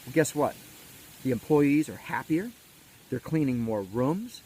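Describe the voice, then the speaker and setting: A man's voice: medium pitch, lively intonation, measured pace, dark tone, rough recording. A man speaks as a motivational coach giving a pep talk, emphatic and folksy, repeating key words for stress. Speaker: motivational coach host of a daily video series. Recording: background noise and ambience.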